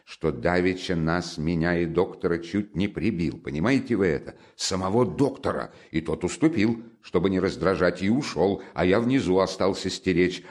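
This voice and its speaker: A man's voice: sits low, a little mellow. A man voicing a drunk, blustering young man in a spoken storybook, rambling and slurred.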